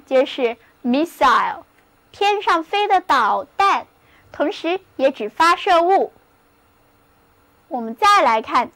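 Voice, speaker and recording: A woman teaching English vocabulary in a recorded lesson, spelling words out slowly and drilling read-after-me practice. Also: high voice, fairly bright tone. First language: Chinese.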